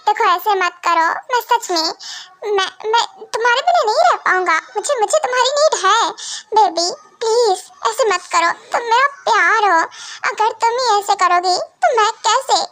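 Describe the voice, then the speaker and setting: A woman voices a possessive male vampire in a homemade fan drama. The voice stays high and bright, and the speech swings between threats and desperate pleading. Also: expressive, normal speed. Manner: alternates threats and tearful pleading. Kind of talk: amateur Hindi fan drama.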